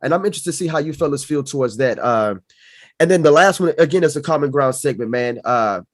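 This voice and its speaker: A man's voice: fairly high pitch, lively intonation, fast talker, no room sound, clean studio sound. A man hosting a casual sports podcast, slangy, leaning on "man" and "bro" as he sets up topics and asks questions. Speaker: podcast host.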